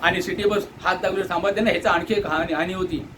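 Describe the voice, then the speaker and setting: A man from delivers an earnest complaint monologue, asking indignant rhetorical questions and mimicking shouted orders. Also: high voice, fairly even intonation, fast, noisy background. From India. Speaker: Buddhist monk airing commuter complaints. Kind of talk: direct-to-camera complaint monologue.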